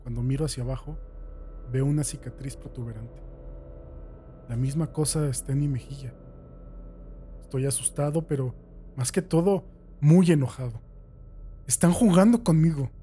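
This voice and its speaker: A man's voice: medium pitch, moderate pace, pauses often, slight background noise. A man reading a first-person horror story aloud as a dramatic scripted narration. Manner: dramatic reading that swings from hushed to shouted.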